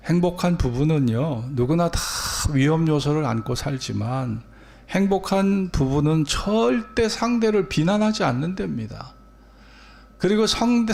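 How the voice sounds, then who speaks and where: A male pastor giving a Sunday sermon in a church, repeating phrases and prodding his listeners with quick questions. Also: mid-range voice, vocal fry, a little mellow, slight background noise. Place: church sanctuary.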